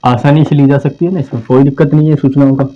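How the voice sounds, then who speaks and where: This teacher talks fast in a mid-range voice with flat delivery. In a casual exam-prep lesson, he repeats key points and performs sample phrasings to illustrate their meaning, captured on a dull lo-fi home recording.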